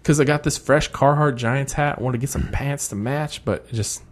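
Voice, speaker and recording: A man's voice: medium pitch, moderate pace. A man in his thirties co-hosting a casual fight podcast, chatty and teasing, telling jokey stories. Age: 30s. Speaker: podcast co-host. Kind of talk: casual chat about fights.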